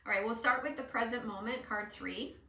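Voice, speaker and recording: A woman talks the listener through a card reading in a relaxed, instructive style, frequently making sure they agree with her. She speaks a little fast in a sharp, higher-pitched voice, recorded from a distance in a room with plenty of echo.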